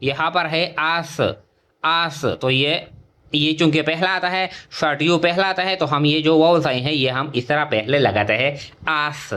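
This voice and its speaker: A middle-aged man gives a shorthand lesson at a deliberate, unhurried pace, his voice sitting somewhat high for a man. He draws out each example word and fills pauses with short hesitations while he writes. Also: fairly even intonation, sharp tone, smooth. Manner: drawn-out example words, thinking aloud with fillers. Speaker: shorthand teacher. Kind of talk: slow whiteboard-style lesson.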